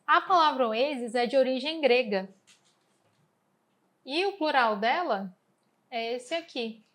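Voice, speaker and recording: A woman's voice: sits high, expressive, slow, fairly bright tone. A woman English teacher with a Brazilian Portuguese accent, explaining exam answers patiently and asking and answering her own questions.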